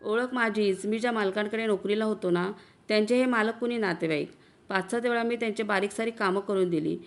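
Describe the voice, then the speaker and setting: A woman reading the part of a boastful, smooth-talking middle-aged husband in a story, coaxing and self-assured. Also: mid-range voice, fairly quick, lightly acted.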